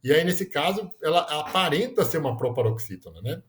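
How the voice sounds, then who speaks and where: On the high side and expressive, a male teacher's fairly quick voice comes with a little hiss or hum. He explains grammar, checking in with "né?" and correcting himself mid-word.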